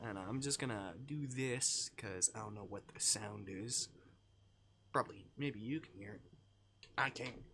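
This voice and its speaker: With a lowish, pushed, bright voice at normal speed, a streamer reads a visual novel live and keeps interrupting himself with informal jokes, swearing, and reactions to the plot. Slight background noise is audible.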